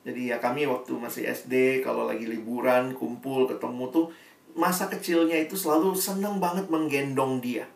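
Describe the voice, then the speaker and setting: A man preaching a sermon to young adults, animated, acting out dialogue and swinging between loud emphasis and quiet asides. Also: medium pitch, moderate pace, gravelly. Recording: roomy hall, from a distance.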